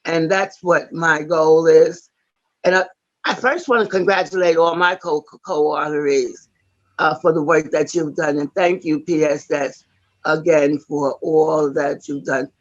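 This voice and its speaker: Halting, earnest woman in her eighties. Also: low-pitched, fairly even intonation, lo-fi sound. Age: 80s. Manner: earnest, halting, with many fillers and restarts. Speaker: award honoree. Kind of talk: acceptance speech.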